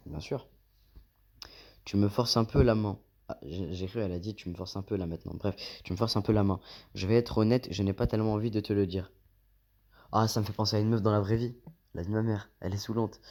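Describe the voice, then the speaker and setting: Deep-voiced, rambling young-sounding man. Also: darkish tone. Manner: rambling, talkative and slangy. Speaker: gaming YouTuber. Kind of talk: let's play commentary, reading game lines aloud.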